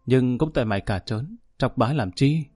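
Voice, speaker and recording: A man's voice: medium pitch, normal speed, a little mellow, slightly rough, no echo, clean studio sound, natural voice. A man voicing a young tough-looking friend who asks blunt, sympathetic questions in an audiobook story. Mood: concerned.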